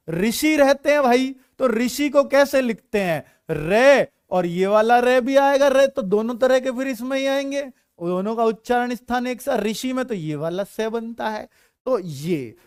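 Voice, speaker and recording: एक पुरुष शिक्षक ऑनलाइन कक्षा में बच्चों को हिंदी वर्णमाला पढ़ा रहा है, मज़ेदार किस्से सुनाता है और बच्चों की नकल करके दिखाता है।. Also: male voice, high voice, clear, resonant tone, no echo, studio quality. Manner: playful, uses silly stories and acts out children. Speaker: teacher. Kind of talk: online Hindi grammar class.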